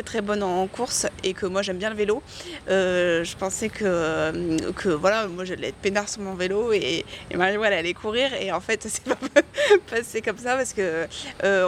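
A woman, a nurse, speaking in a relaxed, hesitant way in an interview. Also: medium pitch, slight background noise. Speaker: nurse, race participant. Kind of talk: casual interview. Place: outdoors in Cambodia.

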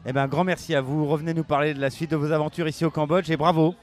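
A man's voice: fairly high pitch, level tone, rapid-fire. A man hosting an on-site radio interview, hesitant and full of fillers, with music playing behind him. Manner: hesitant, many fillers, insistent about mic distance. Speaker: radio host.

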